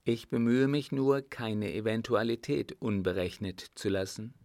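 A man's voice: on the low side, no echo. Man playing a polite, earnest young officer. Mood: resigned. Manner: calm, measured and formally polite. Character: earnest young male army officer, wounded.

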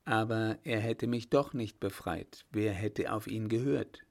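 Man reading young woman, earnest, pleading, slow, low-pitched storybook reading. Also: creaky. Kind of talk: audiobook reading.

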